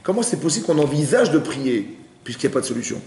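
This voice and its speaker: A man teaching a lively Torah class, firing rapid questions at his listeners and acting out cries. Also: a little high, roomy sound. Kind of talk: lively interactive Torah lesson.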